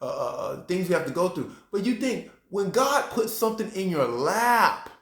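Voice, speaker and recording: A man preaching a sermon, talking straight to his congregation, acting out reactions and breaking into high exclamations. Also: very animated, moderate pace, fairly bright tone, reverberant. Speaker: pastor.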